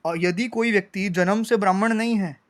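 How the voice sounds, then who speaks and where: A man's voice: high-pitched, a little fast. A man hosting a heated religious debate, insistent and pressing, repeatedly demanding to be heard. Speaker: debate host.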